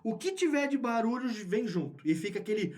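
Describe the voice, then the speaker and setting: A man's voice: extremely high pitch, big pitch swings, fairly quick, darkish tone. A man teaching a podcast recording lesson in a studio at a microphone, explaining patiently and repeating key words for emphasis. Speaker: podcast course instructor. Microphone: studio microphone with headphones.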